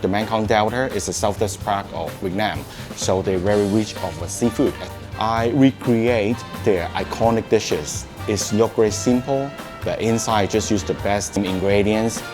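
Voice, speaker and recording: Man, chef, low voice, halting English, music behind. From Hong Kong.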